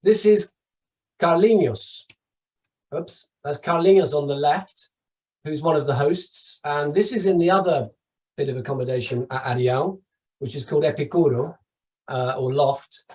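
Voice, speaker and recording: A man's voice: fairly high pitch, normal speed, a little mellow, distant mic, low-quality recording. A middle-aged man from the UK giving a chatty, enthusiastic webinar presentation over slides, with asides and restarts. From United Kingdom. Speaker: travel company presenter.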